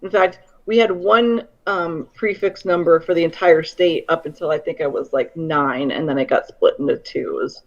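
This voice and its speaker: A woman from Connecticut chatting casually, pausing often with hesitant fillers. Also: low-pitched, steady tone. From Connecticut, United States. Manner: hesitant, fills pauses with um. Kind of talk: casual chat. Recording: dull lo-fi stream audio.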